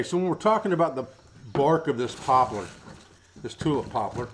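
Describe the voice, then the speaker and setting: A man's voice: mid-range voice, slight background noise. Middle-aged man explaining bushcraft skills. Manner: plain, practical explaining while working with his hands. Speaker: bushcraft instructor. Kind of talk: outdoor skills demonstration. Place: outdoors by woods, then an open-sided metal shed.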